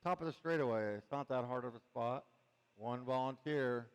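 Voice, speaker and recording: A man's voice: medium pitch, fast, clean tone, big-room sound, dull audio. Joking man calling a club race. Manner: joking, chatty, calling out drivers. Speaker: race director and commentator. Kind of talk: casual live race commentary.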